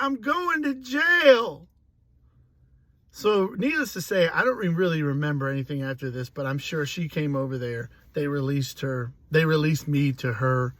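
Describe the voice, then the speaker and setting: A man's voice: mid-range voice, dry recording. A man in his forties telling a rambling, profane, self-mocking personal story in a casual way. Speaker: host.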